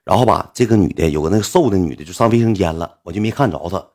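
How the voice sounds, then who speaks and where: A young man with a Northeastern Mandarin accent telling a casual, animated story and acting out the people in it. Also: low voice, very fast.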